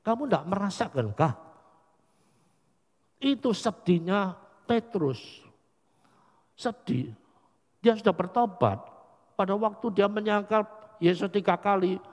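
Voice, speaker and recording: An older male pastor delivers a sermon in a high, swooping voice. He jumps between characters as he acts out small exchanges. The sound rings with the long reverb of a church hall. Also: slow pace, long pauses. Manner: animated, acts out dialogue in changing voices. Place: church sanctuary.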